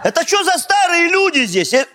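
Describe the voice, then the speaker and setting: An actor playing a rowdy, drunken party-loving friend, loud, slangy and taunting, in a comedy sketch. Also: male voice, very high voice, big pitch swings, normal speed. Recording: noisy, with audience behind.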